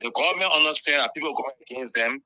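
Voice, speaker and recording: A man's voice: a little high, fast, bright, forceful tone. A Liberian man calling in to a talk show, earnest and repeating himself as he makes his point. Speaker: caller. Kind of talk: call-in radio talk. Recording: dull lo-fi phone call.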